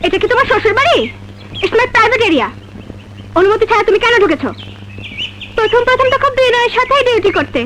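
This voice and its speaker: খুব চড়া গলার দাম্ভিক তরুণী. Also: female voice, very high voice, heavy background noise. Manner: imperious scolding, mixing English commands into Bangla. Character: haughty, bossy young rich woman scolding her servant. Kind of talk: melodramatic Bangla film acting.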